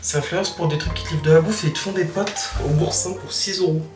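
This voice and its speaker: A man's voice: on the high side, steady tone, fast talker, darkish tone, echoey room, faint music behind. A man vlogging casually in a small hotel room, keeping his voice down as he talks to the camera. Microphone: camera microphone, no dedicated mic.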